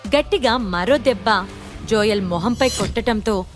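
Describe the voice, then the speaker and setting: A woman narrating a serialized audio drama in an expressive, dramatic storytelling manner. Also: a little high, moderate pace, soft background music.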